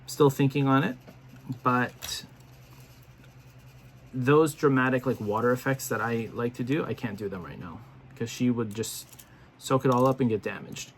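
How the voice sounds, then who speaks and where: A man's voice: medium pitch, normal speed, pauses often, slight background noise. Rambling, tired male toy reviewer. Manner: rambling, chatty, frequent fillers and restarts. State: tired, yawning. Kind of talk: casual talking-to-camera review.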